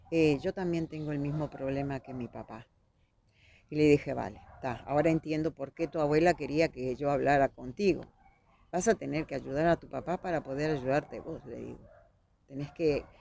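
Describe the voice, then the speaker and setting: A woman's voice: sits low, normal speed, creaky, warm tone, a little hiss or hum. A woman with a Uruguayan accent, a podcast guest recounting events vividly and acting out the dialogue she quotes. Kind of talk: storytelling in conversation.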